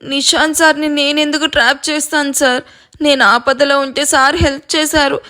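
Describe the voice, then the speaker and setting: Storybook part: a young woman read by a woman, crying and begging, high and bright. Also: flat delivery, moderate pace. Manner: begging, tearful. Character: terrified young woman employee.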